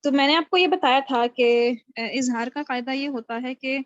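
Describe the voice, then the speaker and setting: High-voiced woman teaching a lesson. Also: no echo, muffled recording. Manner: patient, asks students questions and praises answers. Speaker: Quran recitation teacher. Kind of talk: online class lesson. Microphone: video call.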